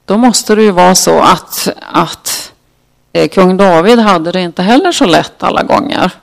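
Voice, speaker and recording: Gravelly-voiced preacher reading scripture slowly. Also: medium pitch. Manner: unhurried, halting with fillers, reads scripture slowly and solemnly. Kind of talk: devotional talk with scripture reading.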